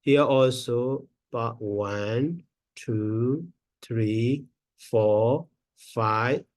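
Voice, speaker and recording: A man teaching Pali grammar in a slow lesson, counting syllables aloud one at a time with many pauses and fillers. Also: medium pitch, darkish tone, no room sound.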